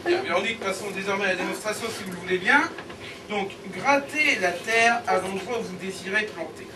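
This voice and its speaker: A man playing a pompous, suggestive teleshopping pitchman in a parody infomercial, speaking in florid, mock-earnest phrases. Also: brisk, lightly acted. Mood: suggestive instructing. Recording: noisy roomy far-off recording, loud laughing crowd. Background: loud audience noise and laughter.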